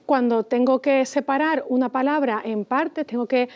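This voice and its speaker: A woman explains rules step by step. She talks in a patient, deliberate way and stretches the stressed syllables to show them. The broadcast audio sounds slightly dull. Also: high-pitched. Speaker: language expert guest. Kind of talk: educational TV explanation.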